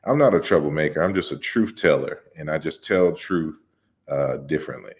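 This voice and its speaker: Viewer comments get read aloud and answered at length by this livestream host, whose voice is extremely deep and low. The open-discussion stream feels relaxed and conversational, while his explanations come out measured and lecture-like, with frequent fillers and restarts.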